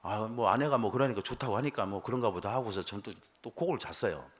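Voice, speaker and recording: A man's voice: fairly low pitch, fast talker. A middle-aged male pastor telling a personal testimony in a church sermon, acting out the dialogue and laughing as he goes.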